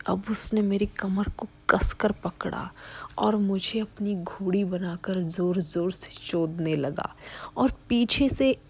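Woman whispering a story, slow, dark gravelly voice. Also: medium pitch. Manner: hushed, breathy whisper.

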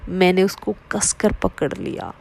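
Woman narrating with a creaky voice. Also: on the low side, big pitch swings, unhurried, darkish tone. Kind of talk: first-person story narration.

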